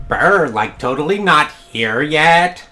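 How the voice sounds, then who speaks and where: Slow hesitant gamer, stumbles a lot, voice swings around. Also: mid-range voice, background noise. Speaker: let's play co-host. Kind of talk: casual game commentary.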